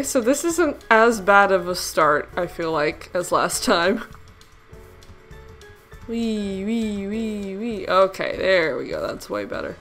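A woman's voice: mid-range voice, a bit bright. A young woman hosting a casual Minecraft let's play, talking through her moves in a chatty, giggly way with playful little sound effects. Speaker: gaming channel host.

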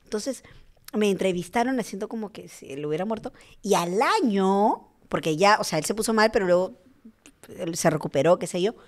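Girl in her 20s on a podcast, chatty, keeps saying o sea, normal pitch. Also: fairly quick. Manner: chatty storyteller, lots of "o sea" and "¿no?". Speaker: podcast guest. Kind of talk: casual interview chat.

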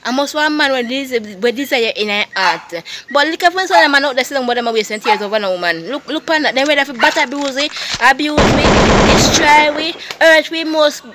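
A woman with a Jamaican accent speaking passionately to her vlog audience, preachy and rising loud when heated. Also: high-pitched, expressive, fairly quick, hardly any pauses, very noisy. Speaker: vlogger. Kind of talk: casual monologue to camera.

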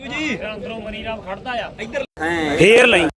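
A man's voice: sits high, lively intonation, normal speed. A man with a Punjabi accent selling goats, haggling casually and insistently at an outdoor market. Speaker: goat seller. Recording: very loud outdoor market crowd.

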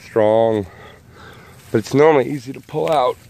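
A man's voice: mid-range voice, normal speed, gravelly, noisy background. A man in casual home-video narration, chatting offhand outdoors in a backyard among his chickens. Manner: chatty, offhand, explains things plainly. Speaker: backyard chicken keeper filming his flock.

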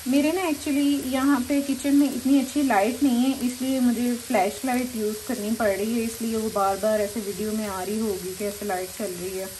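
A woman's voice: on the high side, level tone, normal speed, few pauses, warm tone, a little hiss or hum, rough recording. A woman hosts a home-remedy tutorial in her kitchen. She talks in a chatty, instructive way into a handheld phone camera while she cooks at the stove. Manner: chatty, instructive, often says "okay" and "come on". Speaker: channel host giving home remedies. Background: frying and sizzling.

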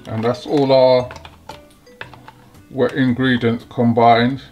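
A man hosting a home cooking video, talking slowly and haltingly through each step of a recipe in his kitchen. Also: medium pitch, level tone, darkish tone. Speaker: cooking channel host. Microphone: off-camera, hands-only framing. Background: sizzling wok, faint music.

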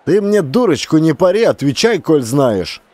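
A man doing a barking gruff police officer. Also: fairly high pitch, very animated, normal speed, no room sound, pitched above the performer's own voice. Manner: barking, loud and demanding. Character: gruff stern male rural police officer.

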